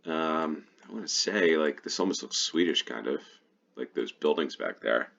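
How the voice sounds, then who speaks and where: Very deep, gravelly American man. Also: lively intonation, normal speed, fairly bright tone, lo-fi sound. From United States. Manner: thinks aloud, musing and self-correcting. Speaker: GeoGuessr player and host. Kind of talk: casual gameplay commentary.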